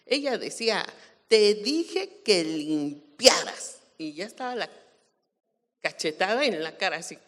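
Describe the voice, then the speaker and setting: A middle-aged woman preaching, telling lively personal stories and speaking straight to her audience. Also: mid-range voice. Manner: lively storytelling, acts out voices, addresses audience. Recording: long hall reverb.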